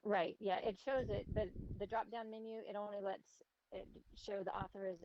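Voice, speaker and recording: A woman's voice: mid-range voice, level tone, normal speed, a little hiss or hum. A woman on a video call, speaking hesitantly with many ums and trailing off, heard through the call on a screen recording. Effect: heard over a video call on a screen recording. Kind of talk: casual troubleshooting chat. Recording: dull, muffled call audio.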